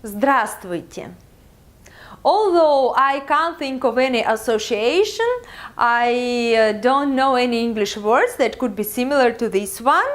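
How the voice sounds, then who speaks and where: Slow, lively Russian-accented woman teacher. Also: on the high side. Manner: many filler pauses, drawn-out teaching pace. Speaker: language teacher. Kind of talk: slow, careful video lesson.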